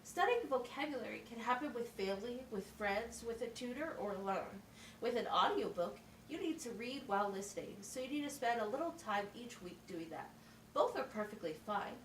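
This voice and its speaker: A woman with a natural, animated voice on the high side talks a little fast as an instructive, patient schoolteacher in an amateur puppet show. She explains simply and asks checking questions, sounding encouraging throughout. The recording is roomy, with faint noise from a distant mic.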